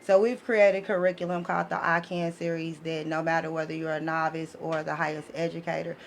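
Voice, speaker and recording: Her voice is low and fairly flat, and she talks fairly quickly. The American guest is promoting her educational book series on a live podcast with clear background noise, explaining things casually but forcefully and regularly checking that listeners follow.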